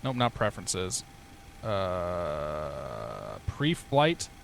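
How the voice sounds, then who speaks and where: A man's voice: deep voice, wildly swooping pitch, drawn-out words, vocal fry, slight background noise. A young man streaming a flight simulator, chatting casually with viewers, laughing and swearing now and then. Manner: laid-back, swears casually, laughs often. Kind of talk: casual livestream chat with viewers.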